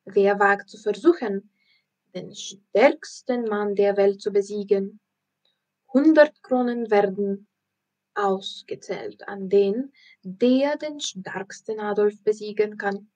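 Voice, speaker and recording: A woman voicing a loud, pompous male circus ringmaster in an audiobook reading. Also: medium pitch, slow pace, close to an everyday voice. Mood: announcing. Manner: loud, announcing.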